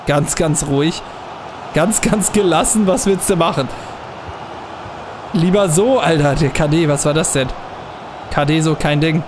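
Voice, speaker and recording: A young man giving casual commentary while he plays a football video game, muttering at times and bursting out loudly at plays. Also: on the high side, unhurried, pauses often, noisy background. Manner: excitable, swings from muttering to loud outbursts at plays. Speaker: gaming channel host.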